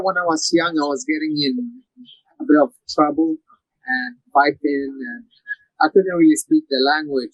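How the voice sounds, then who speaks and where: A young man from Iraq answers questions in a relaxed, easygoing way, dropping "you know" into most of his sentences. His voice sits a little high for a man. It is recorded close and dry, with no room sound. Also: no room sound, low-quality recording. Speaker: MMA fighter. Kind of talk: post-fight interview over a call.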